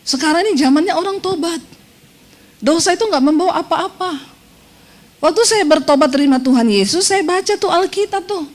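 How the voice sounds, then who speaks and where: High-voiced woman pastor preaching with humor. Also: animated. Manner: humorous, teasing the congregation with quick asides; acts out quoted voices in dialogue. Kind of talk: sermon.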